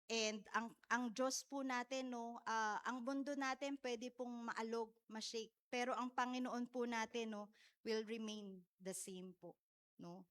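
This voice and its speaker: A woman's voice: a little high, steady tone, a little slow, fairly bright tone. A woman, sharing a heartfelt message at a church service and often checking in with her listeners. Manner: heartfelt, tag-questioning, tearful in places. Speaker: church speaker.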